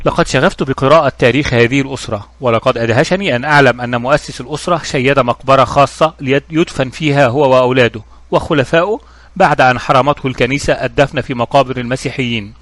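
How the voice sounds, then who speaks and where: Man reading a middle-aged mother, genteel, composed, calm, storybook. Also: mid-range voice, quick pace, no room sound, lightly acted.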